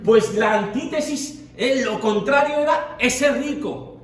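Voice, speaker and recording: Man, Bible study leader, explanatory, checks in with listeners, slow, high, echoey room afar. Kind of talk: teaching a Bible study group. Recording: echoey room, far from the mic, faint noise.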